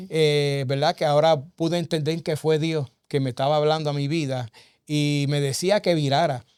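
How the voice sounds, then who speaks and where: A man's voice: on the high side, darkish tone, smooth, dry recording, clean studio sound. Earnest man giving a spoken testimony. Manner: earnest, storytelling with many "verdad" and "eh" fillers. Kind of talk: conversational testimony.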